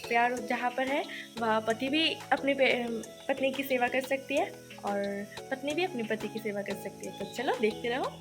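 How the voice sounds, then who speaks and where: A woman narrates her day in a relaxed, chatty vlog, joining each thought to the next with "so". Her voice sits a little high, and music plays clearly behind her. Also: moderate pace. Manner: chatty, strings sentences with "so". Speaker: vlogger.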